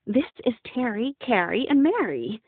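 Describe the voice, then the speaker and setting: A woman's voice: fairly high pitch, very animated, measured pace, husky, no echo, voice pushed up, full character voice. A woman reading an audiobook, voicing a stiff, reproachful middle-aged mother in a clipped, disapproving way. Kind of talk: audiobook character voice. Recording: dry, phone-like narrow sound.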